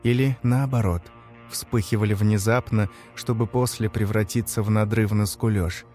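Male narrator for a dark first-person audiobook, grave and measured, music softly beneath. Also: fairly low pitch, fairly even intonation.

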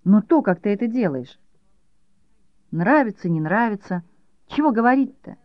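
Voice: medium pitch, animated, normal speed, dry recording, natural voice. An audiobook reader voicing a coarse, stubborn rustic maid who speaks in plain folksy words. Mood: sulky. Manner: plain folksy speech, terse and sulky. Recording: dull dry audiobook recording.

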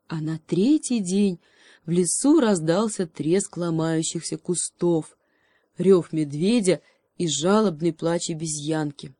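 A woman narrating a children's fairy tale in a calm, measured way. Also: fairly low pitch, no echo. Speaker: audiobook reader.

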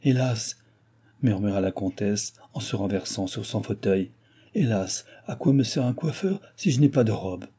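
A man's voice: fairly low pitch, animated, moderate pace, dark tone, husky. A man reading aloud who voices an emotional young aristocratic woman, wailing and exclaiming in a raised voice. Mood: despairing.

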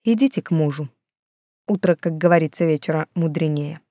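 A woman voicing a calm, measured middle-aged male detective in an audiobook. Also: sits low, no room sound, studio quality, lightly acted.

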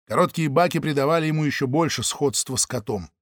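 A man narrating an audiobook in a vivid, expressive storytelling manner. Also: a little high, fast talker, no room sound, clean studio sound. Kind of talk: scripted narration.

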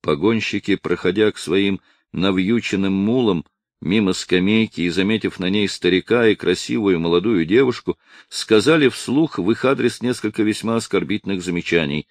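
A man narrating a historical novel in a steady, measured reading. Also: sits low, no room sound, clean studio sound. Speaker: audiobook narrator. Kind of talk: scripted narration.

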